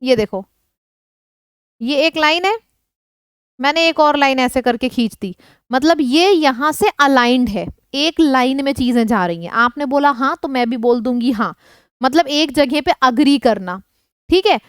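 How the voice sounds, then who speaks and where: Female tutor, Hindi native, bright high smooth voice, patient vocabulary drill with frequent check-ins. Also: expressive, measured pace, no echo. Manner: explains words in mixed Hindi and English, checks in often. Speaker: teacher. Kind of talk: online vocabulary lesson.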